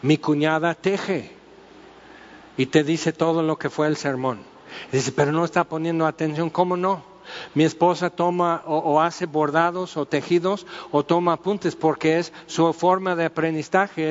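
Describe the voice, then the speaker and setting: A man's voice: a little high, fairly even intonation, a little slow, dull audio. A man with a Mexican Spanish accent preaching a humorous sermon as pastor, joking and acting out little scenes.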